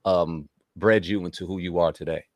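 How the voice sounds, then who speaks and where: A man's voice: sits low, fairly even intonation, moderate pace, darkish tone, no echo. A man from the US East Coast hosting a casual interview with an upbeat, hype-style delivery. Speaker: interview host.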